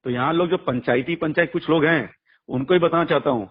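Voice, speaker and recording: Over a muffled, lo-fi phone line, a man managing a music artist speaks in a fairly high, brisk, slightly rough voice. The call is heated, and he pushes his point bluntly and emphatically, leaning on rhetorical questions.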